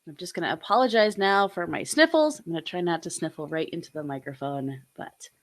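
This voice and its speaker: Chatty and bubbly with lots of laughter, a young adult woman hosts and draws on a casual stream. Her voice is on the low side, animated and a little fast. She's congested from a cold, which makes her a bit nasal.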